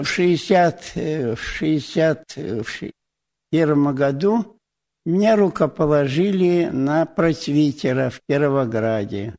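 Slow halting man in his eighties. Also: fairly high pitch, darkish tone. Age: 80s. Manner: halting, many restarts and hesitations. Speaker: presbyter. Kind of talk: testimony in church.

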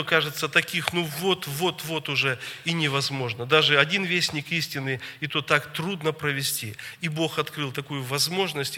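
A man's voice: medium pitch, pushed and bright. A man, a church minister, giving an earnest report to a church gathering and telling a story in pious phrases. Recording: long reverb of a large hall.

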